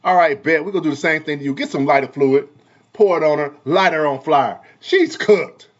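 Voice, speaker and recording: A man who is a parent and a barber, talking heatedly in a casual commentary vlog, repeating himself in a preachy way and swinging between loud and soft. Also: on the high side, fairly quick, highs cut off. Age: adult parent. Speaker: vlogger and barber.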